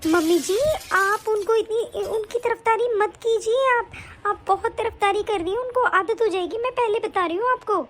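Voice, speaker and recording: A woman voicing a young wife in an animated story, worried and pleading with her mother-in-law. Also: very high voice, normal speed, slight background noise. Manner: pleading, complaining.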